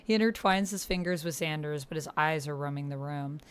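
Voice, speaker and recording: Amid keyboard typing, a woman hosting a live roleplay stream chats, mutters to herself, and reads typed posts aloud. Her voice sits low, smooth and fairly quick.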